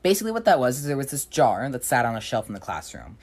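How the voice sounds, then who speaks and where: Animated, very low-voiced young woman storyteller. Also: fast talker, breathy edge. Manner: blunt, profane and animated. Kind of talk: casual storytime narration.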